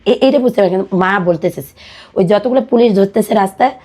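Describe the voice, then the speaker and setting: Her voice sits in the mid range and sounds dark as this Bangladeshi-accented woman, a podcast guest, shares her personal story. She speaks colloquially, with a halting delivery.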